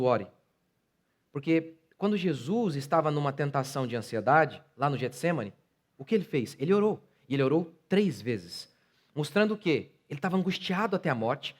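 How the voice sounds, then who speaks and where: A Brazilian man in his forties preaching a sermon. His voice sits a little high for a man, and he moves from hushed storytelling to fervent, raised exhortation. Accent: Brazilian Portuguese. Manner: builds from calm storytelling to loud impassioned preaching. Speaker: pastor.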